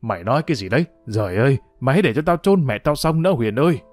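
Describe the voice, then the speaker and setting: A man voicing a grieving middle-aged male official who speaks through clenched teeth and bursts into angry shouting. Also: medium pitch, big pitch swings, racing, faint music behind. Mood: harsh command.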